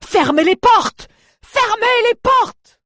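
A narrator pushes the voice up high to play a furious army general who barks orders at his men and spits contempt at every failure. The voice is raised and loud, husky at the edges, with a dry close sound. It is storybook reading. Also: expressive, normal speed, no echo, full character voice. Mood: shouting, furious. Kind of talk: audiobook character voice.

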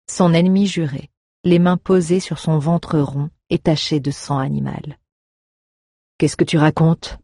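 A woman reading a fantasy story aloud as narrator, in an expressive storytelling manner. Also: lowish voice, slightly rough, dry recording, clean studio sound. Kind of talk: audiobook narration.

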